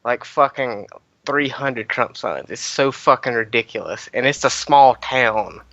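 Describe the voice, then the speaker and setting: Brief: tipsy male caller from North Carolina, bright tone, dull call sound. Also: medium pitch, expressive, unhurried, dry recording. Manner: loose, profane. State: a little drunk. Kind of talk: casual call-in chat.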